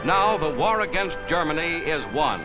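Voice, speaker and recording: A man's voice: a little high, animated, normal speed. A man narrating in a dramatic 1940s newsreel style with an emphatic, rousing announcer delivery, heard as old newsreel sound. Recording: muffled 1940s newsreel recording with loud music.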